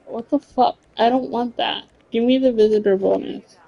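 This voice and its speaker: A woman's voice: on the high side, steady tone, moderate pace, creaky, muffled recording, soft background music. A woman in her late thirties, a game streamer chatting casually with her live chat, blunt and laughing often, with plenty of swearing. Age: 30s.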